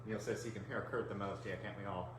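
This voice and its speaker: A man's voice: fairly low pitch, fairly even intonation, quick pace. A man co-hosting a live stream in laughing, self-mocking banter through a face mask. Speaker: co-host. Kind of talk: casual chat.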